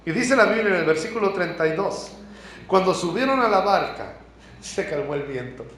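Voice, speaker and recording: A male pastor delivers a sermon, dropping to a hush and then building to loud, impassioned passages. His voice sits a little high for a man. It rings through a strongly echoing church hall with faint ambient noise behind it. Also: animated, normal speed. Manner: impassioned, swings from hushed to loud.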